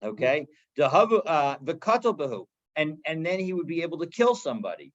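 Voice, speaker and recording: A man teaching a daily Talmud class, reading Aramaic phrases and translating them in a casual, halting way. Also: on the high side, very animated, highs cut off.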